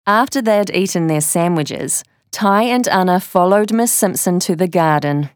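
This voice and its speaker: Woman narrator, children's read-aloud, unhurried and deliberate, dry close mic. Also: lowish voice, clean tone, no room sound. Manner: slow, deliberate storytelling.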